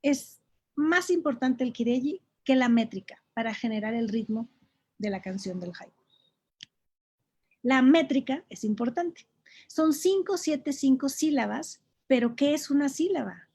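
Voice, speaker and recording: Husky-voiced woman teaching a poetry lesson. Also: high voice, lively intonation, darkish tone. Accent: Mexican Spanish. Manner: explains patiently, repeats examples slowly, checks with "¿ok?". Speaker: haiku workshop teacher.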